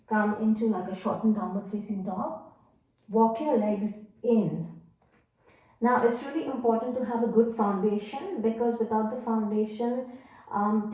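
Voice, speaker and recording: A woman's voice: medium pitch, warm tone. A woman teaching a yoga class, giving patient step-by-step cues with fillers, slightly out of breath. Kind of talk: guided exercise instruction. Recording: very echoey, distant.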